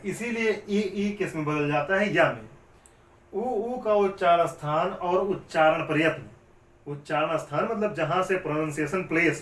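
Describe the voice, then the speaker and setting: A man with a high voice teaching grammar step by step. He keeps asking questions and then answering them himself. The sound is roomy and picked up from some distance off the mic. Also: a bit bright. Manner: repetitive, explains step by step. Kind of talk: classroom lecture at a board. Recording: echoey room, mic at a distance.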